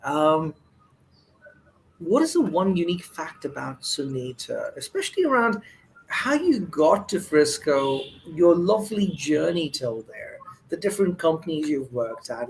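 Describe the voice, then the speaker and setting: A man's voice: on the high side, big pitch swings, measured pace, creaky, a little hiss or hum, low-quality recording. A man hosting an interview show, effusive and full of thanks, with fillers and restarts. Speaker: host.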